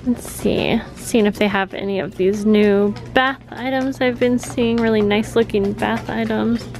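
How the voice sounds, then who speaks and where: A woman vlogs casually while shopping in a large indoor discount store, chatting in a friendly, informal way to viewers as she gives haul commentary. Her medium-pitched voice is steady, a little slow and a little mellow, set against noisy store ambience and soft background music.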